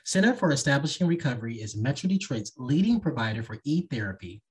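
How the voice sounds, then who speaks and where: Husky, animated male podcast host. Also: medium pitch, quick pace. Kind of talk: podcast hosting with scripted announcements.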